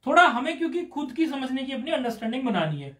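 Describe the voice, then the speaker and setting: A man's voice: very high-pitched, big pitch swings, quick pace, a bit bright. A man teaching Sanskrit grammar in a live class, explaining patiently step by step and asking his students questions. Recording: roomy echoey room.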